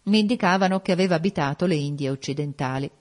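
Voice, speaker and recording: A woman reading a classic novel aloud as an audiobook narrator, in a measured storytelling manner. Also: fairly low pitch, darkish tone. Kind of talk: scripted narration.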